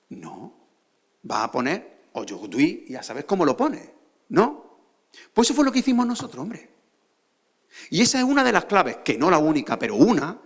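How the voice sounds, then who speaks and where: A man's voice: a little high, gravelly. A man with an Andalusian accent giving a lecture on a theater stage, often posing rhetorical questions to the audience. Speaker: conference speaker.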